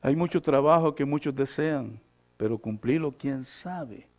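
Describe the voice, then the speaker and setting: A male pastor delivers a sermon in a mid-range, unhurried voice, often checking in with brief questions. He alternates between loud, emphatic lines and quiet asides, repeating scripture references for the congregation.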